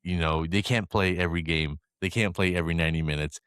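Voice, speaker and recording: Male podcast co-host, very low voice, dry close mic, meandering chat. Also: steady tone, fast, fairly bright tone, clean tone, dry recording. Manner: meandering, hesitant with ums. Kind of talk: casual football chat.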